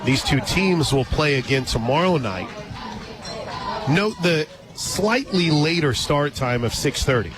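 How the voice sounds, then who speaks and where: Here the play-by-play man has a fairly high, expressive voice and keeps a measured pace, dropping in conversational remarks between calls. He's broadcasting from an outdoor ballpark radio booth, with a loud crowd and music in the background.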